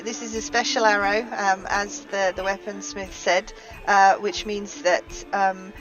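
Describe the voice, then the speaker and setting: A woman game master explaining and narrating a tabletop game. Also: medium pitch. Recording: dull lo-fi sound with music behind. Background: music.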